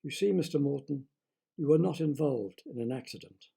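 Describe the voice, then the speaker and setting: A stony car salesman, as a narrator puts him on, measured and coolly formal. The voice is slightly husky and sits a little high for a man. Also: lively intonation, mellow, full character voice.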